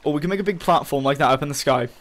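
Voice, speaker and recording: A man's voice: a little high, rapid-fire, a bit bright. A young man giving casual, frustrated commentary while playing a game, swearing often and talking to his viewers. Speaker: gaming channel host.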